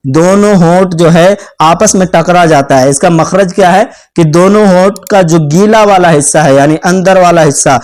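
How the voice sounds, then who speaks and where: Patient male Quran teacher, slightly high voice. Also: darkish tone. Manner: repeats letters slowly, checks understanding often. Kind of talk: patient step-by-step lesson.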